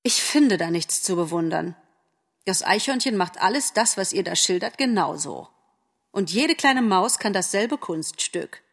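A woman's voice: medium pitch, lively intonation, unhurried, long reverb tail. A woman doing a scornful, stubborn forest creature. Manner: dismissive, sharp retorts. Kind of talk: audiobook reading.

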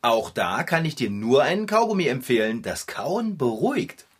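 An actor playing an easygoing, good-natured bike mechanic in a children's audio drama, cheerful and laid-back. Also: male voice, medium pitch, very animated, moderate pace, noisy background, lightly acted. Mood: placating.

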